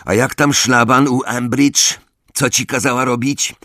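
A man's voice: medium pitch, fairly even intonation, unhurried, bright, forceful tone, no echo, studio quality, voice pushed up. A man voicing an easygoing teenage schoolboy in an offhand, chatty way in an audiobook reading.

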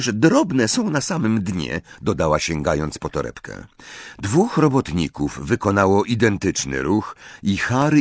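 A low male voice with a husky edge narrates a story expressively. His pitch rises and falls a great deal, and the recording is close and dry. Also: no room sound. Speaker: audiobook narrator. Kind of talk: scripted narration.

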